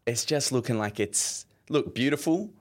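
A man co-hosting a podcast, chatting casually and explaining things with quick asides. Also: mid-range voice, lively intonation. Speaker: podcast co-host. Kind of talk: casual chat.

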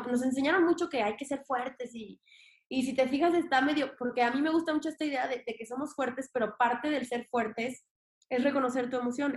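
Young Mexican woman, high voice, expressive slangy podcast guest, roomy echoey recording. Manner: expressive and slangy, acts out her inner voice. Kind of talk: casual conversation. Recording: echoey room.

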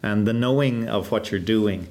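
A man, head of flight training, answering interview questions in an earnest, measured way with frequent fillers. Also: lowish voice, a little mellow.

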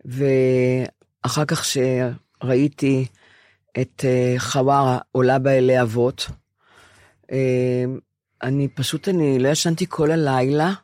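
A woman's voice: a bass voice, level tone, a little mellow, no room sound. Older israeli woman on a podcast, stops and restarts a lot, emotional, dry studio sound. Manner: halting, emotional, full of restarts. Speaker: podcast co-host. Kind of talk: casual conversation.

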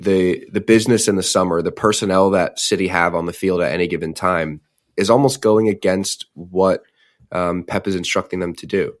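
A young man co-hosting a casual football podcast, talking through tactics analytically and playing devil's advocate. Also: low-pitched. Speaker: podcast co-host.

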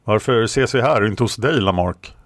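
A man's voice: lowish voice, no echo. A man voicing a stern, wary old male farmer who speaks in urgent, clipped bursts. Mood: grave.

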